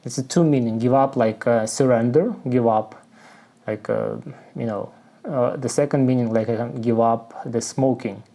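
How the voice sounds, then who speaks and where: A man with a Russian accent, a native Russian speaker explaining English phrases from song lyrics, searching for words and filling pauses with "you know". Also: mid-range voice, vocal fry, mellow. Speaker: English learning vlogger.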